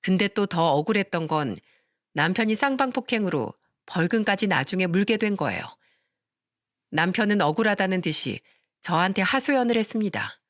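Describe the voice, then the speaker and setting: A woman telling a first-person story with a lively, rising-and-falling delivery. The sound is close and dry, with no room echo. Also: mid-range voice, moderate pace. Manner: expressive storytelling, acting out quarrels. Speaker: narrator.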